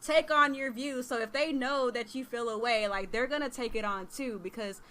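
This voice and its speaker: A kindergarten teacher in her thirties hosts a podcast as a casual chat over a video call, laughing often and sounding animated and expressive. Her voice is a little high, and she talks at a moderate pace.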